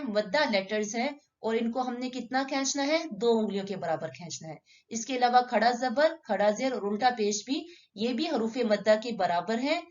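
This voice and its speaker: A woman's voice: on the high side, darkish tone, dull audio. A woman teaching Quran recitation step by step, asking and answering her own questions and drawing out sample syllables.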